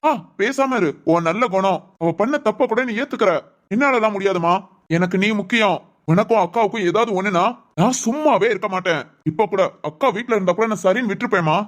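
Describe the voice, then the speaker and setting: A woman's voice: mid-range voice, brisk, close to an everyday voice. A woman voicing a hot-headed, protective adult son in a family cartoon, ranting indignantly. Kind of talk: Tamil family cartoon voice acting.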